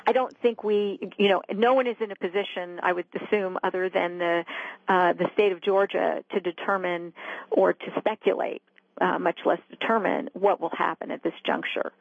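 Female legal guest, gravelly, deliberate and qualifying, dry narrow telephone audio. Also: lowish voice, steady tone, no echo. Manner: measured, careful, qualifying. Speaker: law school clinic director. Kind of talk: radio interview answers. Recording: narrow, muffled phone line.

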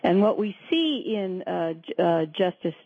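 Female professor as radio guest, lowish voice, halting delivery, tinny dry phone sound. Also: big pitch swings, vocal fry, breathy edge, dry recording. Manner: halting, hesitant, many long ums. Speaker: law professor and jury expert. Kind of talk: radio interview answers. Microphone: telephone. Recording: narrow, tinny phone line.

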